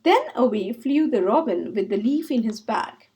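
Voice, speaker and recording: Reading a children's story aloud at a moderate pace, a woman uses a high voice with lively, sweeping intonation that fits a picture book.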